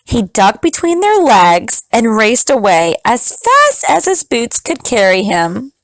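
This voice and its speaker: A woman teacher reading a picture book aloud to children, slow and highly expressive. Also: no echo, low-quality recording. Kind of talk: storybook read-aloud for children.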